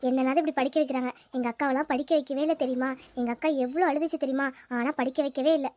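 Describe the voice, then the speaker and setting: Cartoon schoolgirl friend, very high and quick, coaxing and lecturing, voiced by a woman. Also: fairly even intonation, a little mellow, no echo, natural voice. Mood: reassuring. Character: caring, talkative village schoolgirl friend. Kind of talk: cartoon voice acting.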